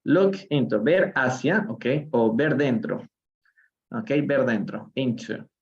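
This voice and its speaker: Peruvian guy teaching english live, slow careful reading, a bit gravelly, kinda muffled stream sound. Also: mid-range voice, expressive. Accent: Peruvian Spanish. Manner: slow, drawn-out model readings of English phrases; addresses chat viewers by name, asks questions. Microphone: live stream phone or computer mic.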